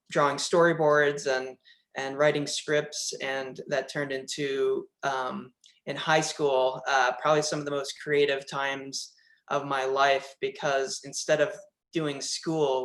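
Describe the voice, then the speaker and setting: A filmmaker introducing himself on a video-call panel, halting and full of uhs. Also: male voice, mid-range voice, a bit bright. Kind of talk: panel discussion, personal intro.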